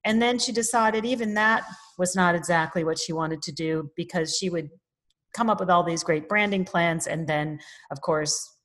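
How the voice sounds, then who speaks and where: A woman's voice: lowish voice, moderate pace, fairly bright tone. A woman hosting a podcast interview, introducing her guest in an upbeat, effusive way. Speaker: podcast host.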